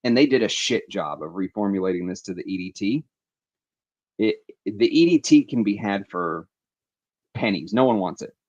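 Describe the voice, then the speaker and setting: Chatty low-voiced man on a headset. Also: animated, moderate pace, a little mellow, muffled recording. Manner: chatty and enthusiastic, reads viewer comments aloud. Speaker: fragrance livestream host. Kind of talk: casual livestream chat.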